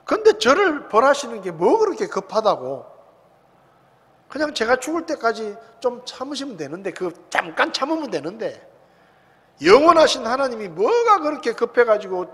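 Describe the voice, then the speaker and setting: A man's voice: sits high, a bit bright, husky, long reverb tail, exaggerated voice. A man preacher acting out a suffering man who protests and questions God in indignant complaint.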